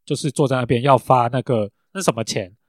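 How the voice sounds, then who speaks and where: A man co-hosting a podcast in easy casual chat, chiming in with quick jokes. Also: medium pitch, no room sound, clean studio sound. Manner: relaxed, quick joking interjections. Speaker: podcast co-host.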